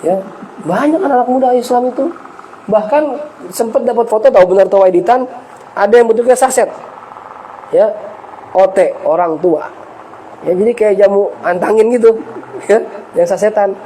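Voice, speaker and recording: A man with a high-pitched yet soft, mellow voice delivers a casual sermon to a congregation. He tells stories, acts out the voices in them and speaks straight to his listeners. A faint hiss of noise sits under the recording. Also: moderate pace, pauses often, rough recording. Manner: storytelling, acts out quoted voices and addresses the congregation. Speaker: Islamic preacher. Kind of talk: lively conversational sermon.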